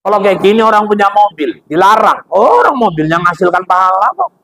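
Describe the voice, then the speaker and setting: Lively preacher in a mosque. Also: male voice, high voice, quick pace, creaky, rough recording. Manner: animated storytelling that acts out everyday dialogues. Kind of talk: comic sermon. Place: mosque gathering.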